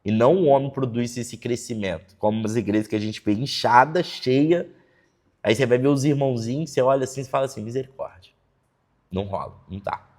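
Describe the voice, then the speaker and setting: A man's voice: medium pitch, fast, a little mellow. A man preaching a casual sermon in conversational, slangy talk with many fillers, acting out quoted church members in mocking voices. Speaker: pastor. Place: church service.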